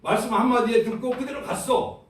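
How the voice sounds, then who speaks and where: Male pastor, high-pitched, lively sermon, recorded from far off in a very echoey sanctuary. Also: fairly quick, slight background noise. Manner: animated, asks the congregation questions, acts out voices. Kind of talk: sermon with congregation call-and-response. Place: church sanctuary. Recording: very echoey church hall, from far off.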